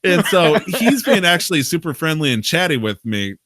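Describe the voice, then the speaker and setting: Bright-voiced man telling a rambling story. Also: on the high side, very animated, normal speed, no room sound, clean studio sound. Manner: profane, rambling, laughs often. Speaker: podcast host. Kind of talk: casual storytelling about a roleplay game.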